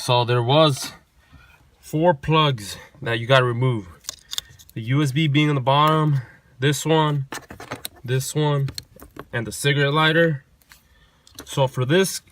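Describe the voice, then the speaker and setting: A man of medium pitch and fairly bright tone hosts a car installation tutorial, walking through each step casually and repeating himself along the way. The recording is noisy, with clicks and vehicle sounds in the background.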